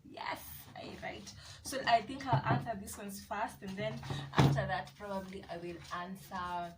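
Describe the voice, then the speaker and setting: A woman's voice: medium pitch, normal speed, far from the mic, heavy background noise. A woman in her twenties from Kenya with a Kenyan accent, chatting casually to camera as a vlogger and repeating herself with lots of yeses. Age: 20s.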